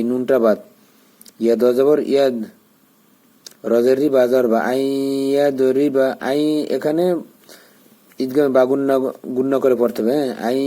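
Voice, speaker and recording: A man teaches Quran recitation, spelling out each letter and vowel mark one by one. His voice is warm and dark at an everyday pitch. He talks in a patient, repeating way. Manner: patient, repeats syllables slowly, gives pronunciation pointers.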